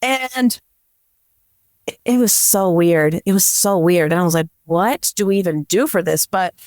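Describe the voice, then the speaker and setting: Speaking at a measured pace in a lowish, darkish voice, a woman shares casual anecdotes from her job as a police dispatcher on a podcast. She leans heavily on "like" and acts out quoted dialogue, and the studio sound is clean with no echo.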